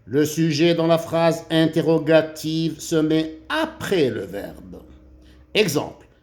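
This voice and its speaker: A man with a slightly high, very animated voice teaches grammar to young pupils. He speaks slowly and deliberately, reading each question aloud before patiently explaining it step by step. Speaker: primary school teacher. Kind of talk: slow, deliberate grammar lesson.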